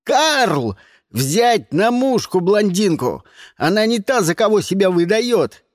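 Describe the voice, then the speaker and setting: A man's voice: high voice, very animated, takes it slowly, no echo, clean studio sound, pitched above the performer's own voice, exaggerated voice. A reader voicing a bullying armed male agent who barks orders in a storybook reading. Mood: barking. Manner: barking orders.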